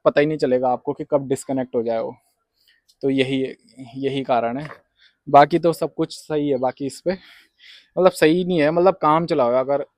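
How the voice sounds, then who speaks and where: In a rambling, repetitive unboxing vlog, a young man tries out a wireless clip-on microphone, slipping English words into his talk. Filmed on a rooftop outside and also indoors, the clip compares the clip-on mic with a phone mic. His medium-pitched voice is slightly mellow, and the recording is dry.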